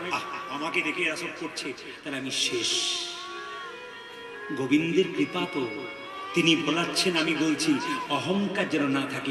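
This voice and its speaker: A man performing devotional sung storytelling on stage, shouting calls to the crowd and moving between speech and song. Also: fairly high pitch. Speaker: kirtan singer. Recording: echoey hall from far off, with music.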